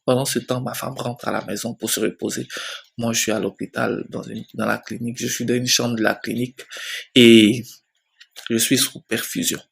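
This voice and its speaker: A man telling his personal faith testimony slowly, repeating phrases and often dropping to a soft, near-whispered voice. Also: mid-range voice, level tone, gravelly, husky. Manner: slow storytelling with many repetitions. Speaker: church member giving a testimony.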